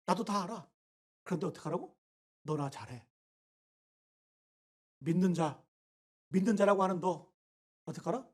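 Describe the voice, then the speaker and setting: A man preaching a Sunday sermon as pastor, swinging between loud urging and quiet asides. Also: high-pitched, brisk, long pauses. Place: church sanctuary.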